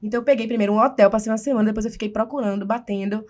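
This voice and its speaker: A woman with a Bahian Brazilian accent, chatting on a podcast as co-host and telling lively stories. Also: on the high side, racing. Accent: Bahian Brazilian Portuguese. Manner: animated storyteller who acts out quoted voices. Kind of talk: casual podcast chat.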